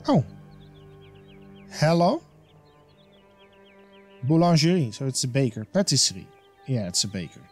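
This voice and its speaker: A man in the middle of a let's play, chatting casually and excitedly as he explores a game and talks his thoughts through. His voice sits at an average pitch and sounds close to a desk mic. Faint game music sits in the background. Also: a little slow, pauses often. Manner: enthusiastic, chatty, thinks aloud. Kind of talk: casual gameplay commentary.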